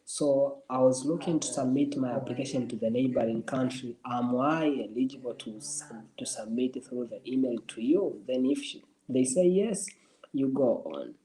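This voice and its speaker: Hosting a casual livestream, a man from Somalia answers viewers with encouraging advice, often repeating and restarting his phrases. His voice is mellow and medium-pitched at a moderate pace, and the recording is rough.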